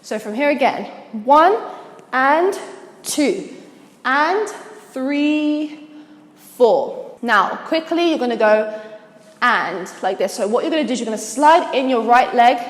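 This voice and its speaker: A woman's voice: a little high, animated, brisk, reverberant, long reverb tail. A woman teaching a dance routine step by step, explaining each move and counting the beats aloud as she demonstrates. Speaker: dance instructor.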